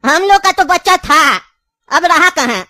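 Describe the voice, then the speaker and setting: A woman's voice: very high voice, animated, measured pace, pushed and bright, dry recording, full character voice. Woman voicing a rambling old cartoon grandfather. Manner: long rambling storytelling, insistent. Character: talkative old male grandfather, fussy and scheming.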